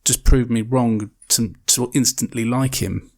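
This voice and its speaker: A man's voice: medium pitch, a little slow, a little mellow. A man co-hosting a podcast, talking about a film hesitantly, with many ums and repeated words. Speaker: podcast co-host. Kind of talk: casual film discussion.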